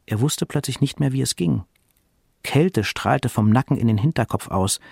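A man reading a literary excerpt aloud in a measured, expressive way. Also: mid-range voice, vocal fry, husky, no echo, clean studio sound. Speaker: reader.

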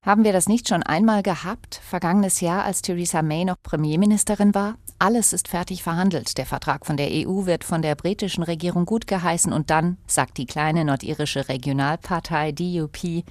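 A woman reporting the news in a clear, matter-of-fact way. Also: on the low side, brisk, few pauses, dry recording. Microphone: close studio mic.

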